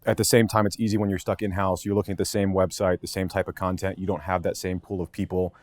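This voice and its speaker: A man talks quickly in a fairly low voice, working through his thoughts as he goes with frequent restarts and hedges. He is a podcast guest speaking casually from an office, and the sound is dry and close with no room echo. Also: level tone, a little mellow. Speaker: content marketing lead, podcast guest. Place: office with many desks.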